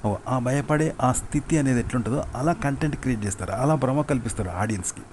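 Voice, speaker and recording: A man with a Telangana accent teaches in a relaxed, informal way at an ordinary mid pitch. He circles back over the same points and keeps checking in with rhetorical questions. A faint hiss of background noise sits under his voice. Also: fast. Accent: Telangana Telugu. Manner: repetitive, asks rhetorical questions to the listener. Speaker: writing teacher. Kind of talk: informal spoken lesson.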